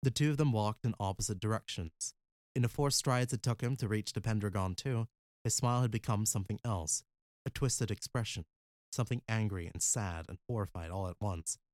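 A man narrating an audiobook in an even, measured reading style. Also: on the low side, dry recording. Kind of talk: scripted narration.

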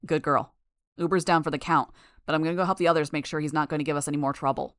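A woman voicing a big male mentor figure who calmly explains fighting technique. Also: low-pitched, rapid-fire, no room sound, studio quality. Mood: approving. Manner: calm, instructive. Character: gruff large male mentor with an echoing voice.

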